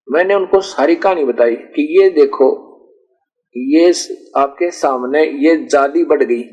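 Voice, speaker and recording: Here a preacher with a fairly high-pitched voice tells stories as a sermon, recounting conversations in a rustic, casual manner and stopping mid-word to correct himself. The high frequencies are missing from the recording.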